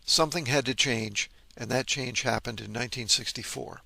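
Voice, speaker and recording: This low-quality, dry recording features a man's mid-range voice, pushed and bright with vocal fry, at a moderate pace. As host of a vintage radio hobby channel, he narrates casually about old radio gear, interested and wry.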